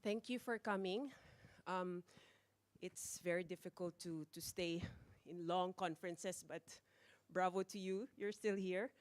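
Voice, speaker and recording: A woman who is out of breath opens a conference session with warm, informal welcoming remarks, pausing with fillers. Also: on the low side, steady tone. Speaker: conference organizer opening a session. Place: conference breakout room.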